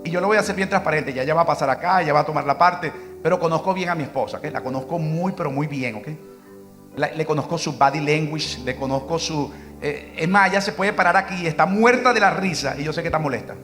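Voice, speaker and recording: Soft music plays beneath a middle-aged Venezuelan man preaching with a Venezuelan Spanish accent. A pastor, he shares a personal story and performs snippets of dialogue, quoting his wife. His voice is a little high and a bit bright, and he talks fast.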